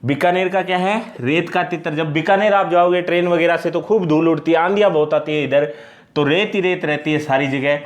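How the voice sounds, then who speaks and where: A man's voice: on the high side, steady tone, brisk. A man teaching an exam-prep lesson, repeating points and asking questions he answers himself. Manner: repetitive, explains by asking and answering itself.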